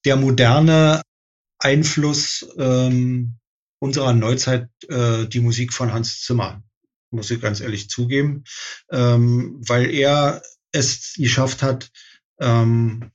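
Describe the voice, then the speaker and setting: A man's voice: mid-range voice, steady tone, slow. Man, interview guest, reflective, lots of ums and restarts, lo-fi dull sound. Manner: thoughtful, many fillers and restarts. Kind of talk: casual interview talk.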